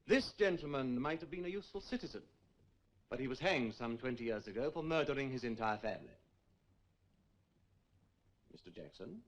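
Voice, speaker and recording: A man's voice: medium pitch, expressive, lightly acted. A man playing a stern, mocking lecturer. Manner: brisk, commanding and mocking. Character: stern, sarcastic male anatomy lecturer. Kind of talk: 1960s film acting.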